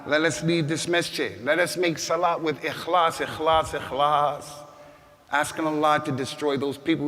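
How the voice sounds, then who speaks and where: Emphatic man preaching in an echoing mosque. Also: on the high side. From United States. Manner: emphatic, repeats words, rises to shouts. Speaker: imam giving a Friday sermon. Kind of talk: Friday sermon. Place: mosque hall. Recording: long hall reverb.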